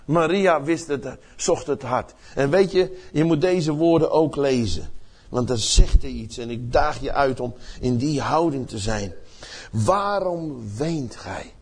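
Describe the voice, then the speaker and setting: An older man preaching a sermon with passion, swinging from loud outbursts to hushed words and often repeating words as he searches for phrasing. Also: medium pitch, unhurried, husky. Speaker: pastor.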